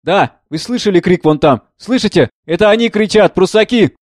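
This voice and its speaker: A man's voice: high voice, expressive, moderate pace, no room sound, studio quality, pitched above the performer's own voice. A man reading the part of a wounded young son who speaks in an eager, urgent rush.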